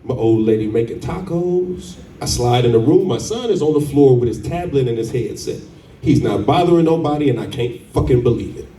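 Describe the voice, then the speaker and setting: A middle-aged man doing a loud, profane stand-up comedy set in a club with a live audience. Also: medium pitch, fairly quick, slight background noise. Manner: loud, profane, animated storytelling. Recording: echoey club, distant mic, crowd laughter.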